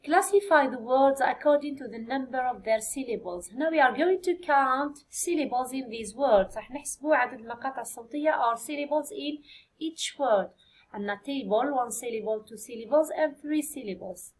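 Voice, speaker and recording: An Algerian woman teaching an English exam review, speaking slowly and deliberately, repeating key words and switching into Arabic to explain. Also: high-pitched, lively intonation, low-quality recording. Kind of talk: classroom exam review lesson.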